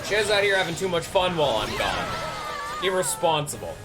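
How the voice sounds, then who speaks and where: A man's voice: a little high, sing-song, fairly quick, over music, crowd noise. A man giving casual, rambling, sweary commentary while he plays a video game. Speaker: gameplay commentator.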